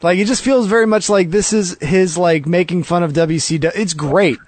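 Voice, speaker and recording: High-voiced man recapping with easy laughs. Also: moderate pace, no echo. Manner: chatty, laughs easily, lots of fillers. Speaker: podcast co-host. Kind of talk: casual chat recapping a wrestling show.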